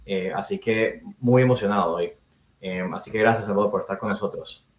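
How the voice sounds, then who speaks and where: Upbeat podcast host in a roomy space. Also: male voice, lowish voice, a little fast. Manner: upbeat, with many fillers like "o sea" and "eh". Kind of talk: casual interview hosting. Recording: roomy echo.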